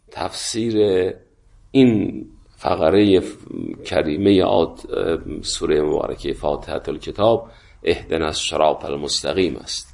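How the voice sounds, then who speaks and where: A man with an Iranian Persian accent, stuffed up with a cold, teaches religious philosophy in a halting, deliberate lecture, reading and explaining a classical text. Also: low-pitched, vocal fry, darkish tone.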